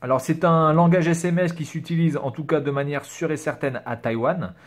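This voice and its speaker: A man's voice: on the high side, fairly even intonation, moderate pace. Hesitant man explaining casually. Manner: hesitant, many fillers and "voilà". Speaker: vlogger.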